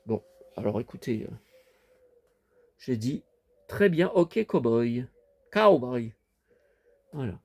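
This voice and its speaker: A man's voice: mid-range voice, big pitch swings, takes it slowly, pauses often, dark tone, breathy edge. A man casually presenting his toy collection to viewers, chatty and rambling, talking straight to the audience. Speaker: collector showing his toys.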